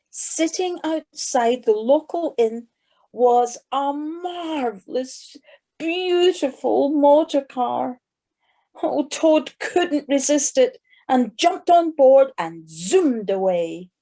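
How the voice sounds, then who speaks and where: A woman with a high, mellow voice narrates an audio play as a storyteller, doing scripted dramatic storytelling. She is theatrical and puts emphasis on key words. She recorded it in a living room over a video call.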